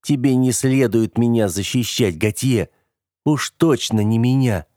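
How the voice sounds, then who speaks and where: A man reading a quietly firm teenage boy. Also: medium pitch, measured pace, dry recording, clean studio sound, close to an everyday voice. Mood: subdued.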